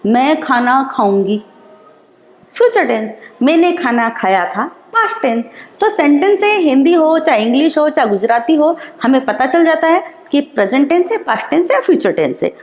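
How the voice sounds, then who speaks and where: Animated woman teacher in an echoey room. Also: high voice. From India. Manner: explains slowly, repeating each example. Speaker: school teacher. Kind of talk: online class lesson. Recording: roomy echo.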